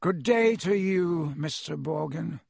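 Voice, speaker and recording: A man voicing a cold, haughty aristocratic wizard father with a slow, disdainful, clipped delivery and a slightly husky tone. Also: on the high side, a little mellow, no echo, clean studio sound, voice pushed up, full character voice.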